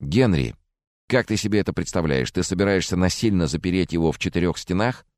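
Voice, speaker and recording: A man's voice: low voice, a little fast, a little mellow, dry recording, clean studio sound, voice pushed up, lightly acted. A man doing an anxious pleading young woman.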